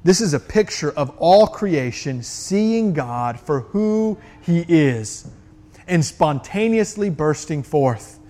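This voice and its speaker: Male pastor, bright high voice, lively preaching delivery that swells with intensity. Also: takes it slowly. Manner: animated, acts out scripture quotes with rising intensity. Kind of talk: sermon.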